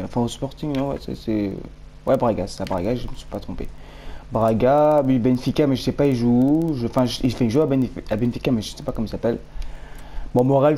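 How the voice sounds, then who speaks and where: A man's voice: medium pitch, mellow. A young man chatting casually to viewers while showing his video game team, rambling and correcting himself often. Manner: rambling, hesitant, self-correcting. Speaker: gaming YouTuber. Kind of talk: casual gameplay commentary.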